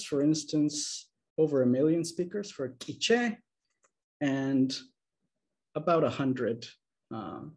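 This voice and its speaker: Speaking through a webcam in a small room, a linguistics lecturer, a man in his 30s, walks through an academic slide presentation. He keeps a calm, explanatory rhythm, his voice a touch high, and periodically asks "okay?" to check in.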